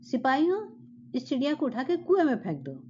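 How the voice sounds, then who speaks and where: A woman's voice: fairly high pitch, big pitch swings, normal speed, highs cut off, slight background noise. A woman voicing a hot-tempered male king who barks orders at his soldiers. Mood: furious. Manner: raised shouted commands.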